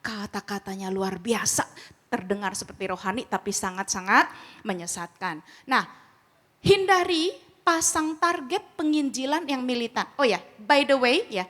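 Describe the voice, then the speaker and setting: A middle-aged woman with a high, bright-pitched voice gives a casual church training talk on comforting the grieving. She tells stories and acts out both sides of remembered conversations in slangy, animated speech. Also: moderate pace. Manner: lively storyteller who acts out quoted exchanges in slangy speech. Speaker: speaker at a church grief ministry training.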